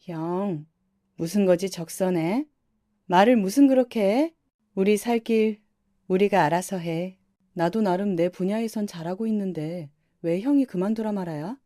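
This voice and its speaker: An irritated younger brother, as a woman reads him who snaps back at his older brother. His tone is sharp and indignant. The voice is mellow and the recording is dry and close. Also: mid-range voice, normal speed, no echo, lightly acted. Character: resentful younger brother-in-law, defensive man.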